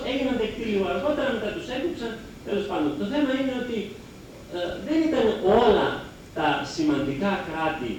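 A male history lecturer gives a semi-improvised public lecture to an audience in a lecture hall, speaking in a high, very animated voice and explaining emphatically with halting self-corrections. The hall is very echoey, the mic distant, and there's faint noise.

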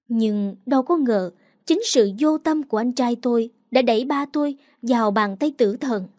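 A woman narrates a first-person audiobook story in a high, bright voice. She turns emotional and pleading in the heated parts. The recording is close and dry, with no room sound. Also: no room sound.

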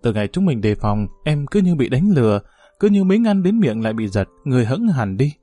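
A man's voice: medium pitch, very animated, a little fast, warm tone, dry recording, soft background music. A man reading the part of a passionate young village woman, pleading and intimate in a story.

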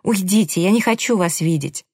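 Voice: mid-range voice, brisk, no echo, clean studio sound, pitched above the performer's own voice, close to an everyday voice. A reader voicing an indignant young secretary. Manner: pleading, indignant, tearful. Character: young female secretary, naive and principled. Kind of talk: audiobook character reading.

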